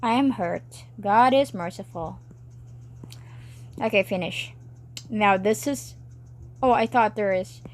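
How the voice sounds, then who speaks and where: A woman talking to herself while animating on a tablet, rambling, cheering herself on and breaking into excited outbursts. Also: medium pitch, slow, long pauses. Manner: rambling, self-encouraging, chatty with sudden excited outbursts. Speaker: animator narrating her work. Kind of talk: casual talk while drawing.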